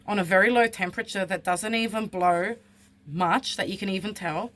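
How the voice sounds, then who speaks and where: An Australian woman vlogger speaks bluntly and with obvious frustration, swearing freely in her personal vlog. Her mid-range voice is husky with a fairly bright tone.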